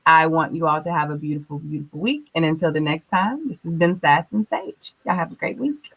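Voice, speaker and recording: A woman co-hosting an online radio show, bubbly and quick to laugh. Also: deep voice, slightly rough, rough recording. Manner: giggly, bubbly, laughs between phrases. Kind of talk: casual sign-off chat on an online radio show.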